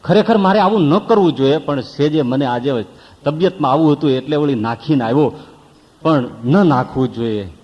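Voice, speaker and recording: A man voicing a humble merchant who apologizes in a low, soft voice, as a figure in a sermon story. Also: lively intonation, moderate pace, natural voice. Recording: long reverb, dull lo-fi sound.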